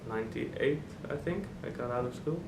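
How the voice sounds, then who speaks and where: A man's voice: medium pitch, normal speed, gravelly. A man in his forties talking easygoing about his work years, with fillers. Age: 40s. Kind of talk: casual interview answers. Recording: echoey room with hum.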